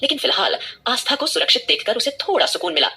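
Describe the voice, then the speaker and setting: A woman's voice: on the high side, sing-song, fast talker, pushed and bright, slightly rough, soft background music. A woman narrating a scripted audio drama with dramatic storytelling.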